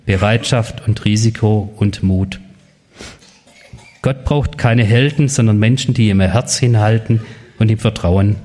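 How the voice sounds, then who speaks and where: A man's voice: fairly low pitch, a little mellow. A man, a pastor, giving a confirmation sermon to teenagers. He tells a story and speaks the quoted voices in it, then puts questions straight to the young people. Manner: storytelling, quoting voices in the tale; addresses the teens directly with questions.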